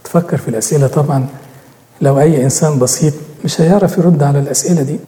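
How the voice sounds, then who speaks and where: A man's voice: on the high side, rapid-fire, mellow. A man with an Egyptian accent telling a story in a sermon, acting out the dialogue. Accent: Egyptian Arabic. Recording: echoey hall with long reverb.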